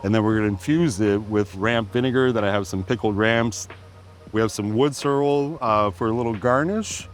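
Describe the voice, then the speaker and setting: A man's voice: lowish voice, normal speed, faint music behind. A man, a chef and forager, casually explaining each ingredient as he cooks outdoors by the shore. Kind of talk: casual cooking demonstration.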